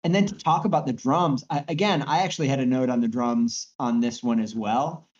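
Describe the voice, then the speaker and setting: A man's voice: mid-range voice, a little fast. Man, podcast co-host, casual music chat, repeats words, slightly muffled lo-fi sound. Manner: hesitant, repeats words while thinking.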